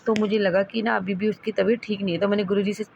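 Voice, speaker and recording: A woman's voice: mid-range voice, little pitch movement, quick pace, vocal fry, a little mellow, lo-fi sound, a little hiss or hum. A woman sharing devotional experiences in a rambling way, with many restarts and fillers. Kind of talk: devotional testimony talk.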